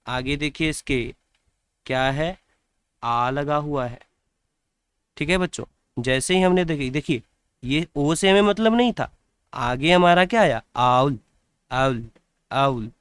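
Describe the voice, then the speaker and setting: A man's voice: on the high side, a bit bright, clear, resonant tone, dry recording. A man teaching an English grammar lesson to children, repeating words and asking them questions.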